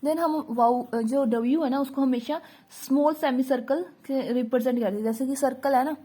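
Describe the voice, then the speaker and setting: A woman teaching shorthand in a casual tutorial, slowly repeating example words aloud and mixing words in. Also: high-pitched, warm tone. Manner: slow, repeats example words aloud, mixes English into Hindi.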